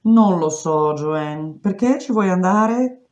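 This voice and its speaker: A woman reading aloud voices a wrinkled, condescending older prison matron who speaks slowly and with false sweetness, on a dull lo-fi recording. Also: lowish voice, expressive, darkish tone. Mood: patronizing. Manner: slow, falsely sweet, patronizing.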